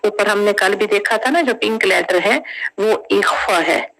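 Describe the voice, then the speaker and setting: A woman teaching Quran recitation rules, drawing out syllables slowly and patiently, often asking her students check questions. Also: medium pitch, gravelly, fairly bright tone, low-quality recording. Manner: drawn-out syllables, patient step-by-step explanation with frequent check questions. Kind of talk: tajweed lesson, slow spelled-out recitation.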